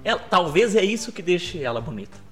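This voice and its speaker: A man's voice: sits high, sing-song, fairly quick, fairly bright tone, soft background music. A man hosting a podcast, explaining his ideas thoughtfully, with hedges and repeated words. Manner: thoughtful, hedging, many repetitions. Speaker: podcast host. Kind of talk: casual podcast chat.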